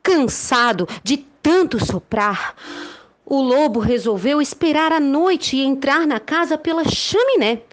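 A Brazilian woman telling a story to children in the expressive manner of a kids show host. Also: high voice, a little slow.

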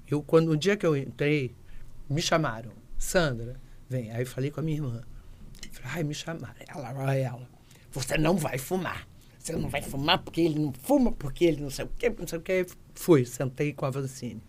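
An older actress being interviewed, telling anecdotes in a lively way and acting out the voices of the people she quotes. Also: very deep voice. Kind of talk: casual interview storytelling.

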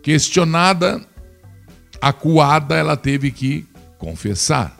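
A man's voice: on the high side, animated, takes it slowly, vocal fry, a bit bright, soft background music. A man from Brazil giving opinionated political commentary, indignant and scornful, talking straight to his listeners.

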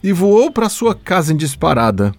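A man reading a rhyming picture book aloud for a children's story podcast in a slow, lively, sing-song way. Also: a little high.

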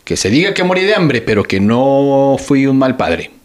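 A man's voice: medium pitch, big pitch swings, normal speed, noisy background, close to an everyday voice. An actor playing a hungry, teasing father who jokes while trying to comfort his daughter, speaking with a Mexican Spanish accent. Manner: joking, exaggerated whining. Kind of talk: sketch acting.

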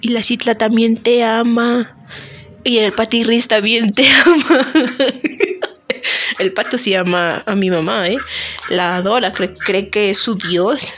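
A woman's voice: fairly high pitch, steady tone, unhurried, long pauses, fairly bright tone, slight background noise. A woman, host of a casual talk podcast, chatting to listeners in a joking, self-deprecating way while a bit sick. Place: temporary recording spot.

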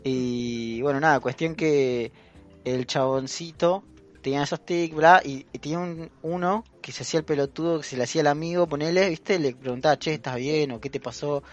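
A man's voice: a little high, brisk, highs cut off, faint music behind. A young man with a Rioplatense Spanish accent, chatting casually with friends in slangy talk and frequent laughter. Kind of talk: casual chat among friends.

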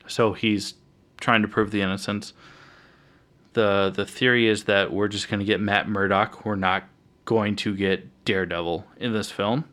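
A man co-hosting a casual podcast about superhero films, excited and jokey, swearing casually. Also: on the low side, moderate pace. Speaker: podcast co-host.

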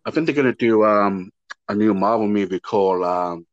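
A man, an actor answering interview questions in a halting way that often repeats words. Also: fairly low pitch, no echo, dull audio. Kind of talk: casual interview chat.

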